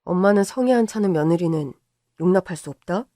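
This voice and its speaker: A woman's voice: on the low side, expressive, brisk, mellow, no echo, studio quality, natural voice. A voice actor playing a loving, stubborn middle-aged mother who plays down her own troubles. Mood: teasing.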